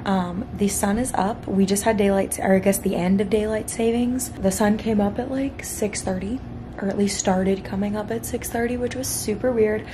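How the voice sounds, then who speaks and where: A woman's voice: mid-range voice, steady tone, normal speed, noisy background. A young adult woman vlogging from home in a rambling casual chat, often saying "like". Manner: chatty and rambling, fond of saying "like".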